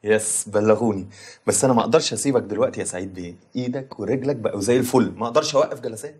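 A polite physiotherapist played by a man talks very fast but calmly, with an Egyptian Arabic accent and bits of English. Television drama. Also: fairly low pitch, natural voice. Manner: polite, mixing English words.

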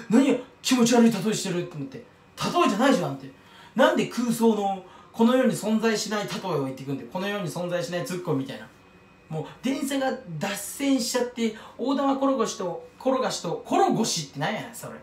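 A man's voice: sits high, big pitch swings, a little fast, recorded from a distance. A man talking to camera in a casual rambling monologue, mocking himself and tripping over his words as he drifts from tangent to tangent. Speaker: YouTuber commenting on another creator. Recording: roomy echo, voice off-mic.

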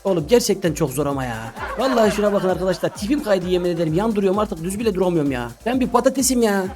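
A man gives excited gameplay commentary at a quick clip. His voice sits fairly high, he exclaims and laughs often, and music plays faintly behind him. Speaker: gaming YouTuber.

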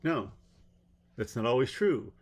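A man's voice: medium pitch, lively intonation, measured pace, a little mellow, husky. A man giving a rambling spoken commentary on a court case, blunt and sarcastic, with exasperated asides. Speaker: trial commentator.

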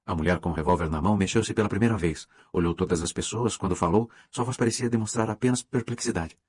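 A man narrating a mystery audiobook in a measured, even storytelling manner. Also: low-pitched, breathy edge. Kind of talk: scripted narration.

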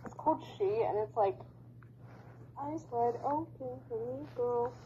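A woman's voice: a little high, measured pace, warm tone. A woman chatting casually in a voice chat, heard through a phone speaker. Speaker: voice chat participant. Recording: muffled, noisy phone-speaker playback.

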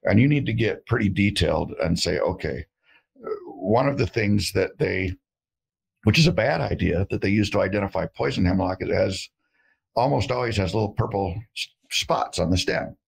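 A middle-aged herbalist, a guest on a video call, speaks in a deep voice with lively intonation, moderate pace, and vocal fry, though the audio is poor. It's casual interview talk, folksy, joking, and rambling with plenty of fillers, from an indoor room lined with shelves of jars.

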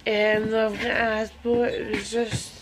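A woman's voice: on the high side, flat delivery, slow, a loud crowd. A woman in her twenties with a broad Scottish accent, giving short casual answers as a patient. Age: 20s. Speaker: injured patient. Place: inside an ambulance and a house. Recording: very noisy on-location documentary sound.

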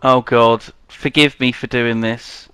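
A British man giving excitable, giggly comic gameplay commentary alongside a friend, exclaiming often. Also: mid-range voice, takes it slowly, clean tone, no echo. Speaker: gaming video host.

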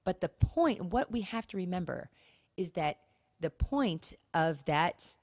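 A woman co-hosts a podcast about marriage and faith, chatting casually and earnestly with emphatic points and rhetorical questions. Her fairly low voice is animated, unhurried and a little mellow, captured in a dry, studio-quality recording.

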